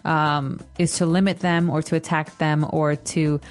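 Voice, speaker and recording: A woman co-hosting an English-learning podcast, explaining vocabulary slowly and clearly like a teacher. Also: low-pitched, little pitch movement, soft background music. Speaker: podcast co-host.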